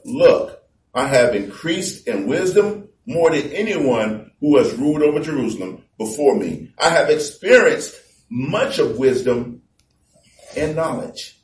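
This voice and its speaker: A man's voice: mid-range voice, a little mellow. Conversational male preacher, echoey and distant. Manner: conversational, reads scripture slowly and emphatically. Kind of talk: sermon. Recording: echoey room from far off.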